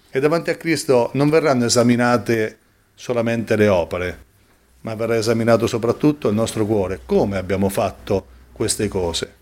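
Man, preacher, sermon, rhetorical questions, emphatic pitch jumps. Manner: animated, rhetorical questions, rising on exclamations.

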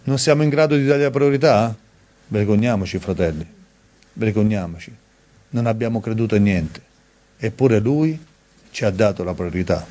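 A man preaching a sermon in a conversational way, reading scripture aloud and stressing key words with sudden high emphasis. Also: a little fast, a little mellow.

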